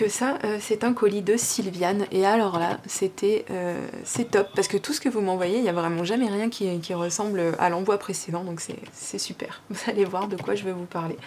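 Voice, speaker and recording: A woman's voice: mid-range voice, a little mellow. French woman vlogger, gushing unboxing chat, lots of fillers, faint hiss behind. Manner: gushing, chatty, many fillers.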